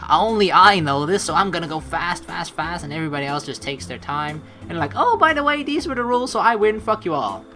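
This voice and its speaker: A woman with a lowish, sharp-toned voice sounds very animated, speaking a little fast with few pauses. As a let's play host, she reads game text aloud and rambles through her commentary, swearing casually. Game music plays behind her.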